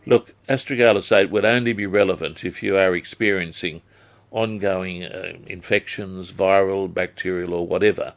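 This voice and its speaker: An Australian man giving health advice on a live phone-in, measured and formally worded. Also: sits low, steady tone. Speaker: health advice expert on radio.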